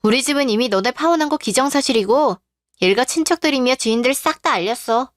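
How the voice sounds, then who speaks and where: A blunt, protective older sister who mocks with open scorn, as a woman acts her out. Her voice sits slightly high and sounds dry and close, in a radio drama. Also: lively intonation, a little fast, no echo. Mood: mocking. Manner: blunt, mocking.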